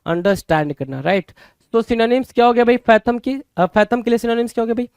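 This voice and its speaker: Speaking fast in an extremely high voice with vocal fry, a man teaches exam vocabulary in an Indian English accent, repeating words and asking rhetorical questions. He calls his students "bhai," and his darkish, smooth tone is recorded with no room sound.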